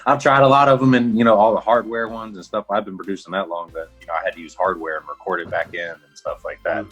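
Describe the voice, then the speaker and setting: A man's voice: fairly low pitch, fairly even intonation, fast talker, a bit bright, husky, dull audio. A young man from Houston, Texas, a music producer guest talking casually in an interview, laid-back with lots of filler words. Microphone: livestream call.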